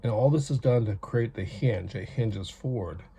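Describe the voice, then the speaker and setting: A man's voice: lowish voice, normal speed, dark tone, a little hiss or hum. A man from North America giving a rambling, chatty hands-on toy review with self-aware asides.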